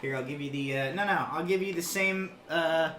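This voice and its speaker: Halting male game master, echoey room. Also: fairly high pitch, a little hiss or hum. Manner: halting, searching for words. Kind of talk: narrating a tabletop game. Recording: echoey room, loud background music.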